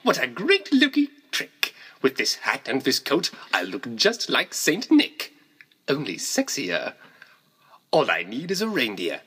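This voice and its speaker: Man voicing a gloating trickster god, storybook villain, lively and bright, slightly husky. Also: mid-range voice, a little slow, heavily acted. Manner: sneering, gloating, turns to sugary fake sweetness. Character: scheming vain male trickster god in Santa disguise. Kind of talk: storybook reading voice.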